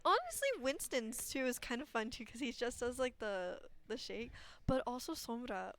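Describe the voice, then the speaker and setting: A young woman casually co-casting a college esports match, gushing and excitable, often stumbling and repeating words. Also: a little high, normal speed. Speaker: esports caster. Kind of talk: casual live commentary chat.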